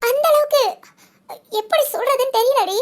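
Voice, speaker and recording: A woman's voice: extremely high pitch, normal speed, slight background noise. A woman voicing an anxious, injured young married woman in a cartoon, talking in a tearful, pleading way. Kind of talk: cartoon voice acting.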